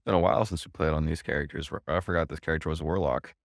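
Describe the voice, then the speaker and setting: A man with a low voice chats casually on a stream as the companion. His talk is laid-back and slangy, and the sound is dry and close. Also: steady tone, rapid-fire, gravelly, no room sound. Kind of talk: casual chat.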